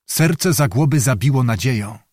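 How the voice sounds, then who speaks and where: A man reading a historical novel aloud in measured, dramatic scripted narration. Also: medium pitch, expressive, darkish tone, dry recording, studio quality. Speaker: audiobook narrator.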